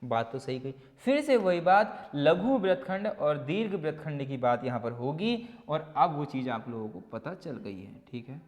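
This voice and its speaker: A maths teacher talks his students through a lesson in a slightly high voice. He keeps firing questions at the class and answering them himself. A long reverb trails behind him, as if he is in a roomy hall. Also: big pitch swings, moderate pace, few pauses, highs cut off. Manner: motivating pep talk to students. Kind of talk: whiteboard exam-prep lesson.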